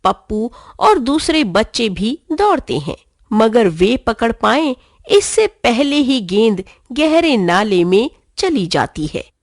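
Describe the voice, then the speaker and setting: A woman narrating a children's story in an expressive, clear way. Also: on the high side, takes it slowly, no room sound, studio quality.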